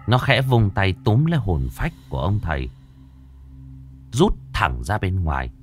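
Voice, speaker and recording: A man's voice: low-pitched, sing-song, unhurried, faint music behind. A man narrating a scripted ghost story in a dramatic, vivid way.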